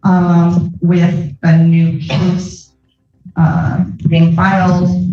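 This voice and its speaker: A woman's voice: sits low, dark tone, heavy reverb. Probation officer, woman, far from the mic on a dull courtroom recording, reading a report with ums and uhs. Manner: reads a formal report, with frequent ums and uhs.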